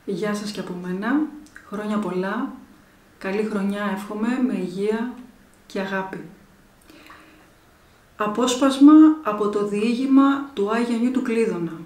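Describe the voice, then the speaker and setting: A woman storyteller reading a folk tale aloud in a measured, expressive way, in an echoey room. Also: mid-range voice. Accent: Greek.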